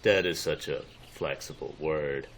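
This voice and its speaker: A sly game rogue speaks in a low, smooth tone with ornate, old-fashioned phrasing. He sounds mocking and at ease. A faint hum of ambience sits behind him. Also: unhurried, heavily acted.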